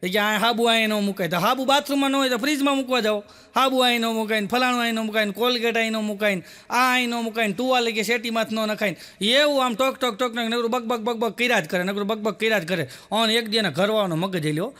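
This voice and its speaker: A man's voice: high-pitched, quick pace, bright, forceful tone. A man telling stand-up jokes, acting out quoted dialogue and repeating little filler words as he goes. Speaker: stand-up comedian. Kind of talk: Gujarati joke telling.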